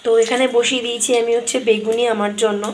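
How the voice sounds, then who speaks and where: A hoarse woman, chatting through her day at home as she cooks. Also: on the high side, steady tone, rapid-fire, slight background noise, low-quality recording. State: hoarse, straining to speak. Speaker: vlogger. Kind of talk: casual daily vlog narration. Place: home kitchen.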